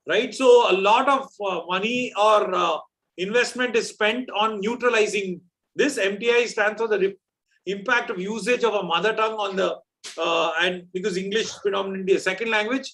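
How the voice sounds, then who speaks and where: High-pitched South Indian man hosting a quiz. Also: fairly bright tone, rough recording. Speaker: quiz host. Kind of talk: live quiz hosting, off-the-cuff explanations.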